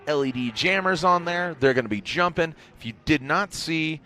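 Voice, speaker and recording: A man's voice: fairly high pitch, normal speed, sharp tone, faint music behind. A man co-hosting a live motorsport stream, hyped and playful, teasing his partner. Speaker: stream co-host.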